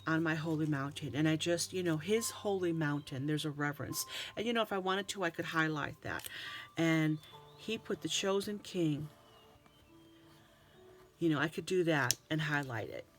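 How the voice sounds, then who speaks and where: A woman giving a casual tutorial on Bible journaling, reading verses aloud and often repeating words and restarting as she explains. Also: low-pitched.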